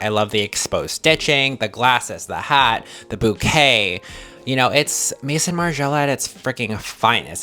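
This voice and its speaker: A man with a bright, forceful voice hosts a casual fashion review. He is sassy and emphatic, gushing and opining in drag-queen-style slang. Faint music plays underneath. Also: medium pitch.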